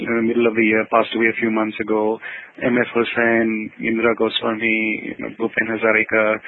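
A man talks through a podcast interview in a middle-pitched voice, stopping and restarting his thoughts with many fillers. The sound is thin and narrow, as if heard over a phone line. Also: no room sound. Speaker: journalist guest. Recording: tinny phone-like audio.

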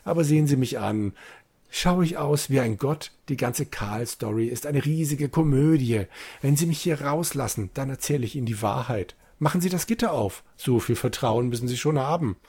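A man voicing a cunning, impatient young male scientist from a text adventure, reading his lines aloud in an excited, commanding way with a gravelly voice. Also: mid-range voice, normal speed. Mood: scheming.

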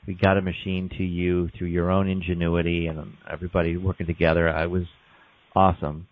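Very deep-voiced man on a tinny line. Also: flat delivery, fairly quick, dry recording. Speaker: interviewer. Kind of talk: casual interview conversation. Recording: tinny phone-line audio.

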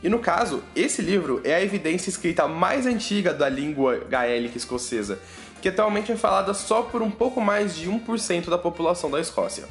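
This science news podcast is hosted by a chatty, joking man with a Brazilian Portuguese accent. He speaks in a high, animated voice at a brisk clip, recorded in an echoey room with faint music behind him.

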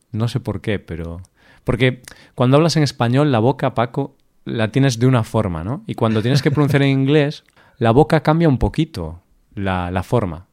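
A man from co-hosting a casual chat podcast, musing aloud about how Spaniards say English words, with easy fillers. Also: medium pitch. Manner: relaxed, thinks aloud with fillers. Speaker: podcast co-host.

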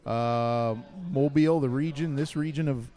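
A man's voice: mid-range voice, normal speed, mellow. A man co-hosting a casual chat, reading facts aloud and trading cheesy pickup lines. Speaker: co-host.

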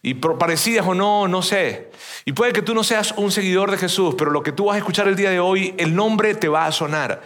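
A man in his fifties, a pastor from Venezuela, preaches to a church congregation in a loose, chatty way. His voice sits high for a man. He stumbles over and repeats words and keeps turning to the listeners with little questions. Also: a little fast, fairly bright tone. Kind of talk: conversational sermon.

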